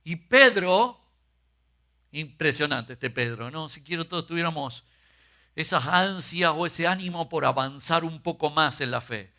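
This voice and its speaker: A pastor preaching in a high, bright voice. His delivery is animated and conversational, full of fillers and direct appeals to the congregation. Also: normal speed. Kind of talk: sermon.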